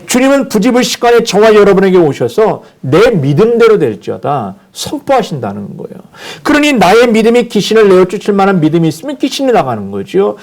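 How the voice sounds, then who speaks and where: A man's voice: high-pitched, very animated, fast talker, hardly any pauses, darkish tone. A man preaching a sermon as senior pastor, dramatically acting out the lines of the people he quotes.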